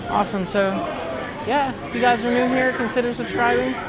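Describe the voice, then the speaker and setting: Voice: mid-range voice, fairly even intonation, a little fast. A live streamer chatting casually in a friendly, appreciative way to viewers. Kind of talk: casual livestream chat. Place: indoor theme park ride area. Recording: busy crowd behind voice.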